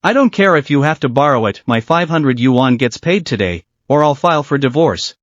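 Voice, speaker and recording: A man's voice: medium pitch, expressive, normal speed, no echo, natural voice. A man voicing a vain, smug young wife who spends freely and talks with boastful scorn. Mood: angry. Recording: dry, dull lo-fi voice.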